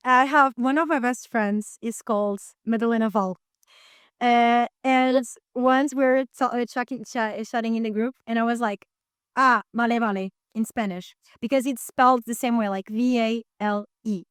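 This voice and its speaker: A woman's voice: on the high side, fairly even intonation, moderate pace, clear, resonant tone, no room sound, clean studio sound. A young woman on a casual student podcast, chatting in an eager, rambling way. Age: young adult. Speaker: podcast co-host. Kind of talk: casual chat.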